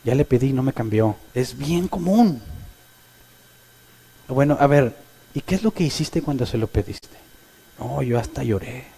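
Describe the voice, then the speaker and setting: Animated man preaching a sermon. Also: mid-range voice, unhurried, gravelly, pauses often, husky. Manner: animated, acts out quoted voices of the congregation. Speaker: pastor.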